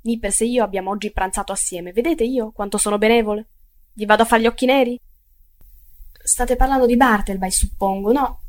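A woman voicing an irascible, lunch-drunk elderly male copyist who blusters loudly. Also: a little high, steady tone, brisk, natural voice. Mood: belligerent. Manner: loud blustering outbursts.

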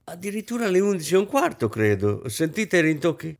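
A man's voice: a little high, very animated, fairly quick, creaky, voice pushed up. A man doing a sugary, spiteful society lady. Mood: falsely sweet. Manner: mellifluous, falsely sweet.

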